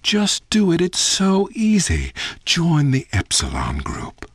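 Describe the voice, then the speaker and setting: An actor playing a persuasive male cult leader with a preachy sales pitch on a game radio show. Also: huge pitch swings, slow, slightly rough, no echo, studio quality, heavily acted. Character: smooth-talking male cult leader recruiting members.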